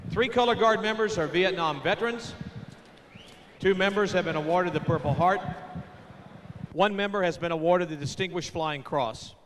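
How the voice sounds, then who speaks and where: Male tractor pull announcer, high voice, drawn-out names, booming echo of an arena PA. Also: a bit bright. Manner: drawn-out names, addressing the crowd. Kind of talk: event announcing over public address. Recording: echoey arena PA with faint noise.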